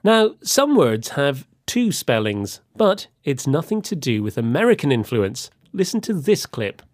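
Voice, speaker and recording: Lively, unhurried male lesson presenter. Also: mid-range voice, no room sound, studio quality. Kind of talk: scripted language lesson.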